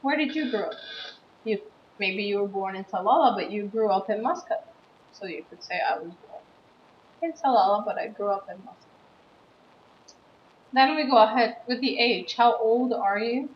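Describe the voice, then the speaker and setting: Woman teacher in her thirties, from the USA, patient and deliberate, recorded in a roomy space with a dull, slightly muffled sound. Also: medium pitch. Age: 30s. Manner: slow, patient explaining with stressed words. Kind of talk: classroom writing lesson. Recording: dull, roomy recording with faint background noise.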